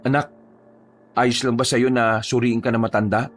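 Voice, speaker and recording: A man's voice: medium pitch, flat delivery, normal speed, lightly acted. A man voicing a worried young father who speaks anxiously and pleads.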